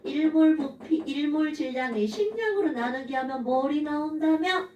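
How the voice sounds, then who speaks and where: A woman teaches chemistry in a high, swooping voice that jumps around as she fires rhetorical questions at her class. Her delivery is playful and animated. The sound is roomy and echoey, picked up from some distance away from the mic. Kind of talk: lively classroom lecture. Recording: echoey room, voice a bit far from mic.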